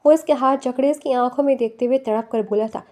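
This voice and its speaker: High-voiced woman narrating a romance novel. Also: darkish tone. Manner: emotive storytelling.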